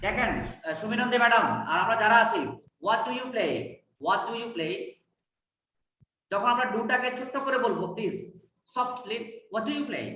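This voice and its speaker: A man's voice: high voice, normal speed, bright, forceful tone. A man with a Bengali accent teaching a spoken English class over a video call, patiently repeating and modeling sentences. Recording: echoey, distant, lightly noisy call audio.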